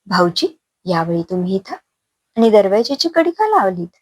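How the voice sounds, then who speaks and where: A woman voicing a frightened young wife who pleads and pushes back, with a husky, raised voice. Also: mid-range voice, sing-song, normal speed, darkish tone.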